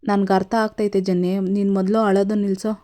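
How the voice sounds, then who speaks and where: Woman as stern, caring young female friend, flat delivery. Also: medium pitch, fast talker, lightly acted. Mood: scolding. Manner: scolding, then consoling.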